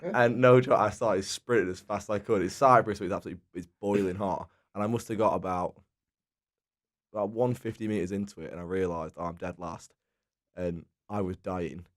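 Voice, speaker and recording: A man's voice: on the low side, fairly even intonation, brisk. A man, co-hosting a casual podcast and telling self-mocking stories. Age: early 20s. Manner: self-mocking, laughs through his stories. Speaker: podcast co-host. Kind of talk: casual chat.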